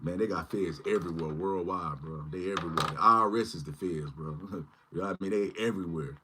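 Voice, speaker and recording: A man's voice: low voice, fast talker, background noise. A man in his forties hosting a casual livestream, rambling and often asking "you know what I mean". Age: 40s. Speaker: channel host.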